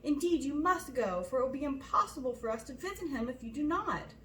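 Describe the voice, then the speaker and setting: A woman's voice: sits high, expressive, brisk, echoey room, pitched above the performer's own voice. A woman voicing a nervous, fretful middle-aged mother who complains and exclaims insistently in a storybook reading. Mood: pleading, insistent.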